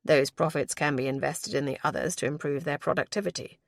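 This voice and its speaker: A woman's voice: brisk, creaky, dry recording, clean studio sound. A woman doing a doting, wry young lord. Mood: tender. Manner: low, murmuring, wry.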